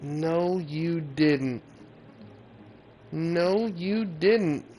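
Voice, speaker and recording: A man's voice: a little high, very slow. A man streaming a game, talking casually and slangily to viewers. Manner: laid-back, chatty, slangy. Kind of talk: casual gameplay commentary. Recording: voice over loud game music.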